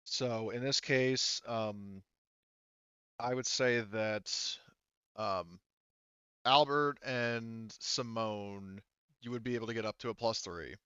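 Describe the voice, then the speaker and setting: A man acting as game master for a tabletop game explains the rules casually and haltingly, thinking aloud as he goes. His voice is on the low side, sharp in tone, and smooth, with no room sound and the highs cut off.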